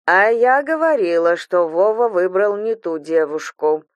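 A spiteful older mother-in-law, put on by a woman reading aloud, drawls her words slowly and coldly with a hissing edge. Her voice sits in a middle register, close and dry with no room around it. She sounds contemptuous, as in a spoken horror audiobook. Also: mid-range voice, lively intonation, dry recording, muffled recording, lightly acted. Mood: venomous. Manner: slow, cold, hissing and contemptuous. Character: harsh cruel older mother-in-law, venomous.

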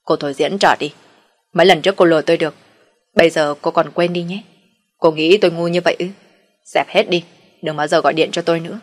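A woman's voice: sits low, fairly quick, a bit bright. A woman voicing a fed-up young man who talks in a sulky, curt way. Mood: angry.

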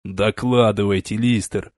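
Man doing a tired stern space captain, slow and low, dry recording. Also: fairly even intonation, no echo, close to an everyday voice. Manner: slow, measured commands. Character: stern, weary male starship captain. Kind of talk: audiobook character reading.

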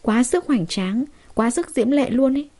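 Give me a woman narrating a story in an expressive, chatty way, warm and mellow. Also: on the high side, normal speed. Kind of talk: first-person story narration.

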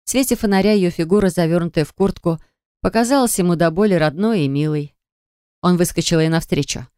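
A woman's voice: fairly low pitch, brisk, warm tone, smooth, no room sound, studio quality. A woman reading a novel aloud as an audiobook narrator, telling it evenly and dramatically.

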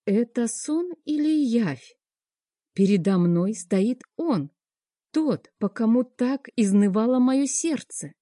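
A woman reads a first-person story aloud, dramatic and full of feeling. Her voice is mellow and warm. The sound is dry and close-miked. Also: on the high side, lively intonation, slow, no echo. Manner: emotional, dramatic reading. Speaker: audiobook narrator.

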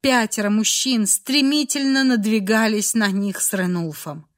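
Slow, emotive female storyteller. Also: medium pitch. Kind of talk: dramatic audiobook narration.

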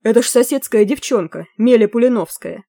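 A woman's voice: fairly high pitch, fairly quick, dark tone, no echo, studio quality, voice pushed up. A woman reading an urgent adjutant reporting. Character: alarmed military adjutant on a radio, man.

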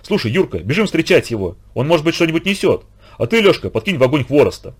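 Brief: man doing an eager, bossy little girl, raised bright voice, storybook reading. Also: on the high side, very animated, fast talker, slightly rough. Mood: excited. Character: bold, bossy young girl.

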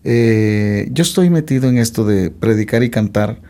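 Gravelly-voiced man telling his life story. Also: lowish voice, lively intonation, normal speed, warm tone. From Mexico. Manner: hesitant, with frequent "eh" fillers and restarts. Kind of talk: testimony in an interview.

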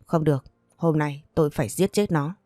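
A woman's voice: low voice, moderate pace, warm tone, no room sound, soft background music, close to an everyday voice. A woman voicing a cruel middle-aged gangster boss in a storybook reading, harsh and threatening. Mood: cold.

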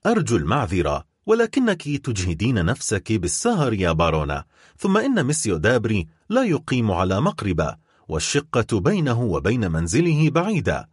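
A man's voice: on the low side, huge pitch swings, fairly quick, breathy edge, dry recording, clean studio sound, heavily acted. A man voicing a wealthy middle-aged baron who is cold, stern and accusing toward his wife in a storybook reading.

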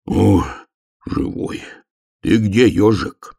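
A man voicing a good-natured boy bear cub in a storybook reading, short of breath and answering in few, quiet words. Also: lowish voice, extremely slow, vocal fry, slightly rough, voice pushed up, full character voice. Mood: calling out. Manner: quiet, terse, soft-spoken.

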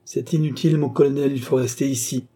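A man's voice: mid-range voice, steady tone, fast, warm tone, breathy edge, voice pushed up, close to an everyday voice. A man voicing a treacherous army captain who speaks coldly and mockingly, taunting his victim. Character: treacherous scheming Italian army captain, gloating.

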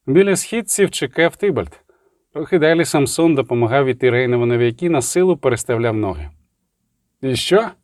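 A man's voice: mid-range voice, expressive, quick pace, a little mellow, no echo, studio quality. A man narrating a fantasy novel as an audiobook, telling it dramatically and shifting his voice for the characters.

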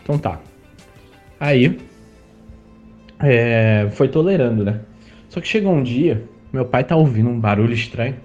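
A man's voice: medium pitch, animated, measured pace, long pauses, a little mellow, highs cut off, soft background music. A man from Brazil, a podcast host, telling a personal story in a chatty, indignant way. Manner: chatty, indignant, many fillers. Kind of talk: casual storytelling monologue.

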